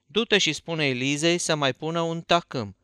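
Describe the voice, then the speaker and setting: Un bărbat care imită o mătușă de la țară, agitată și primitoare, care insistă cu căldură. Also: male voice, on the high side, pushed and bright, clean tone, no echo, studio quality. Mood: eager. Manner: eager, insistent. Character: bustling, hospitable middle-aged aunt.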